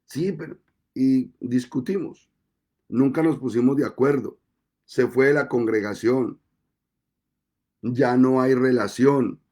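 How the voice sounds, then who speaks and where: A man preaching a sermon as pastor, speaking deliberately with measured pauses between phrases. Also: mid-range voice, mellow.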